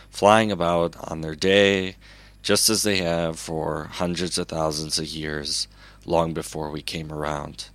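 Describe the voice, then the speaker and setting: A man hosting his own radio show, talking in a calm, unhurried, earnest monologue. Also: low-pitched, no echo. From Chicago, USA. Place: recording alone at a microphone.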